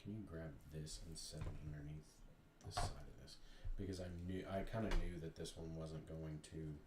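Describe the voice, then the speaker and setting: A man's voice: a bass voice, moderate pace. A man hosting a crafting stream, chatting casually and thinking aloud while he demonstrates resin pouring. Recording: echoey room with steady noise.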